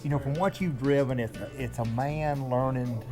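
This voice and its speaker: A man chats in an interview. He thinks as he goes, halting and reflective, in a mid-pitched voice with music underneath. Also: steady tone. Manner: halting, reflective, leans on "you know". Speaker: racing driver. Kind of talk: casual interview chat. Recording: music behind the voice.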